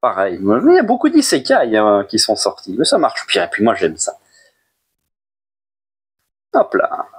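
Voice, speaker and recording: A man talking casually to camera as he reviews his monthly manga purchases, chatty and animated, with playful asides. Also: a little slow, pauses often, breathy edge. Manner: chatty and animated, jumps up in pitch on new titles, playful asides. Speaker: manga collection YouTuber.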